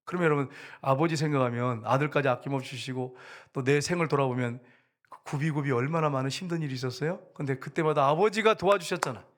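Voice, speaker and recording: A man's voice: mid-range voice, fast talker, fairly bright tone. A middle-aged man preaching a sermon in a church, talking conversationally and acting out the voices of people in his stories. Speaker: pastor. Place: church sanctuary.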